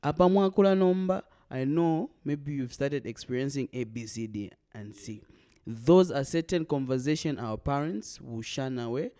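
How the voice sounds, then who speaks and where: A man in a casual podcast discussion, hesitant and halting. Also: medium pitch, mellow. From Zambia. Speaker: podcast co-host.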